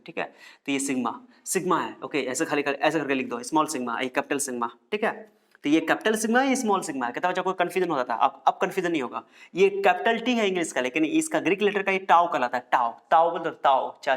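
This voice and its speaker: A man's voice: a little high, a bit bright. A male teacher from India giving a chatty classroom lecture, repeating terms and joking as he writes on the board.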